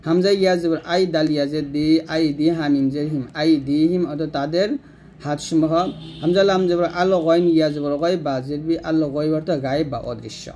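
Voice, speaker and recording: Slowly and with much repetition, a man teaches Quran reading by sounding out letters and vowel marks syllable by syllable. He trails off lower and softer at sentence ends, and a slight hiss or hum can be heard.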